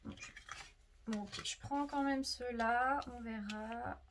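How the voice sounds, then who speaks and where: A woman giving a casual tarot reading, thinking aloud with many fillers and soft murmurs to herself as she draws cards. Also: a little high, slow pace, slight background noise. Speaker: tarot reader.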